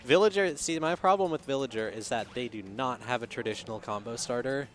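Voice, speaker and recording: A man commentating on a fighting game match in a loose, chatty way. His voice sits at an ordinary middle pitch, and he trips over his words and restarts as ideas come to him. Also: a little fast, faint music behind. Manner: chatty, animated, lots of fillers and restarts. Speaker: esports commentator.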